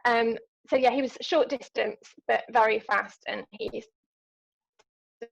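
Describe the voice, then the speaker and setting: A woman from London chats as a podcast guest, her voice gravelly with a touch of fry. She talks hesitantly, restarting sentences and filling pauses with ums. The sound is dull and lo-fi, as if recorded over a call. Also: a little high. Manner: hesitant, many ums and restarts, laughs easily. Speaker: podcast guest, ultra runner. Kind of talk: casual interview chat.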